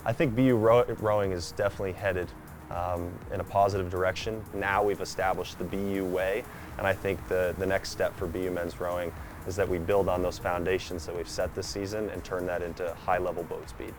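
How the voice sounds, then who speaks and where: A man with a very deep voice speaks earnestly about his rowing program in an interview. Music plays clearly behind him. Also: little pitch movement, a little fast. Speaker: college rower. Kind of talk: interview sound bite.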